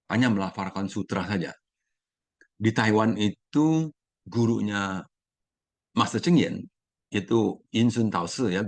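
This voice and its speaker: Male Dharma speaker, very low voice, measured, hesitant fillers when explaining, dry sound. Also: darkish tone, dry recording. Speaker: Buddhist Dharma sharing speaker. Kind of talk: Dharma talk, reading then explaining.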